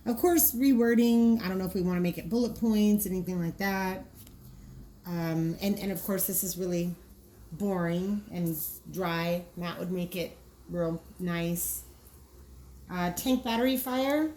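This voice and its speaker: A woman with a fairly low, warm voice presents draft training cards for dispatchers at a measured pace, with a little hiss or hum on the recording. Her trainer's walkthrough is casual and practical, full of explanation and thinking aloud.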